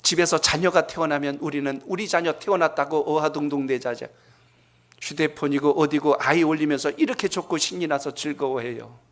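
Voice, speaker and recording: A man's voice: a little high, a little fast. A male pastor preaching a sermon, telling a story and speaking with emphasis.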